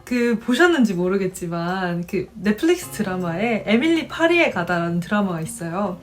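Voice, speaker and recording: A woman in her twenties telling stories casually to her viewers, chatty and animated, acting out the people she met. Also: medium pitch, moderate pace, faint music behind. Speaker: vlogger. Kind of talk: casual storytelling to camera.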